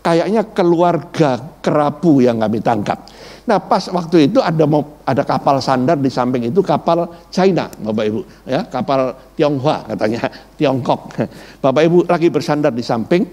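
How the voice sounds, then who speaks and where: A man's voice: on the high side, moderate pace. A middle-aged man, a pastor, preaching a sermon built around a personal testimony, telling his story animatedly and repeatedly addressing the congregation. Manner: animated storytelling, acts out quoted voices, repeats "Bapak Ibu".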